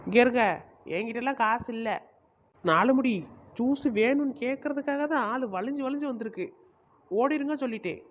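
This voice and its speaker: A woman voicing a sharp-tongued, no-nonsense village woman who scolds and mocks, in a cartoon comedy. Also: fairly high pitch, normal speed, pauses often, highs cut off, a little hiss or hum, natural voice. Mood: scolding. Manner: blunt, scolding, sarcastic.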